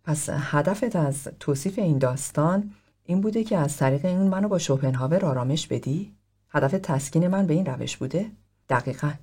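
A man's voice: a little high, darkish tone, slightly rough. A man reading the part of an aloof philosopher who talks in a formal, blunt, lecturing way. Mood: pointed.

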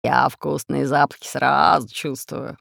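A storybook narrator voicing a greedy, grumbling red-bearded pirate captain in a slow, gravelly voice. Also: medium pitch, level tone, fairly bright tone, no echo, clean studio sound, exaggerated voice.

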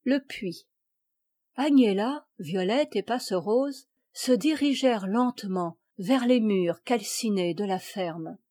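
A woman audiobook narrator reading a classic children's tale in a measured, expressive way. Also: medium pitch. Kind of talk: scripted narration.

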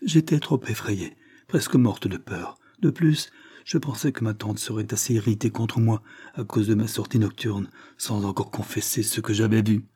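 Un homme incarne une jeune noble effrayée qui supplie et pleure, dans la lecture d'un roman. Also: male voice, fairly low pitch, moderate pace, dark tone, slightly rough, no room sound, studio quality. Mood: distraught, pleading. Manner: tearful, trembling pleading. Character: frightened young noblewoman, tearful and pleading. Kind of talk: audiobook character reading.

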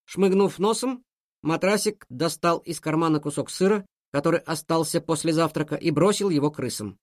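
A man narrating a children's story in a lively, expressive way. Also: a little high, moderate pace, no echo, clean studio sound.

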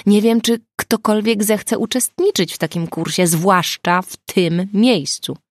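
A woman's voice: mid-range voice, steady tone, unhurried, dry recording, pitched above the performer's own voice, close to an everyday voice. Agata, a weary harassed writer, read by a woman. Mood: rueful.

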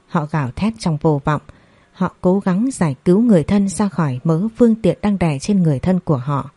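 Low, mellow woman narrating a drama. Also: breathy edge, no echo. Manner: steady, dramatic reading. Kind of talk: scripted audio story narration.

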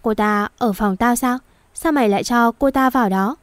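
A woman's voice: a little high, moderate pace, no echo, lightly acted. A woman playing a bossy teasing young master, curt lines, dry close sound.

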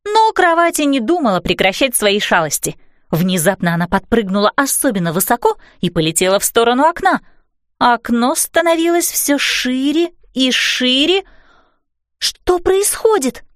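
A woman narrating a children's storybook with animated, expressive delivery. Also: a little high, moderate pace, no room sound, clean studio sound. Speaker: audiobook narrator.

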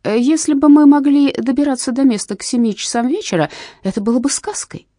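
A woman's voice: sits high, brisk, dark tone, dry recording, studio quality, pitched above the performer's own voice. A woman reading aloud, voicing a practical mother who coaxes her husband in a wistful way. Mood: coaxing. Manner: coaxing, wistful. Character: practical mother, gently persuasive.

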